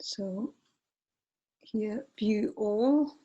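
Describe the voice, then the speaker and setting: Sharing her screen, this native Finnish speaker in her forties walks through a software tutorial with a Finnish accent, unhurried and hesitant, full of fillers and self-corrections. The mid-range voice has a breathy edge, and the audio sounds dull.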